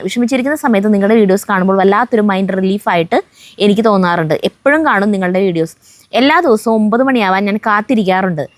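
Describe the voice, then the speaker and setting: A woman reads viewer comments aloud at a middle pitch, steady and chatty. She stops now and then for a quick joke. The sound is close and dry. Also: no room sound. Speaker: vlog co-host reading viewer comments. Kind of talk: reading comments aloud, casual chat. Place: outdoors at home on a windy day.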